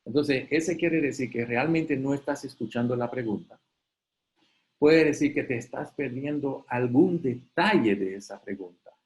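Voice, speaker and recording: Guy running a webinar on a video call, chatty teacher vibe, keeps saying ok?, mid pitch. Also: measured pace, a little mellow, low-quality recording. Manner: conversational, often tags sentences with "¿ok?". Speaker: webinar facilitator. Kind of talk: live online talk.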